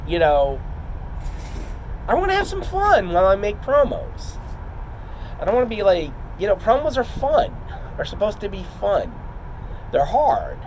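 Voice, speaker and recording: Reflective man, high voice with lively swings. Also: slight background noise, poor audio. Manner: halting, rambling, reflective. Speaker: trainee wrestler. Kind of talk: casual, confiding vlog talk.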